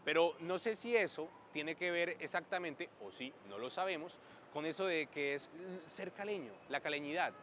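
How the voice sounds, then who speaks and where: Bright Colombian street reporter outdoors. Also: male voice, fairly high pitch, moderate pace, a little hiss or hum. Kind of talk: on-location reporting. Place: outdoor city square.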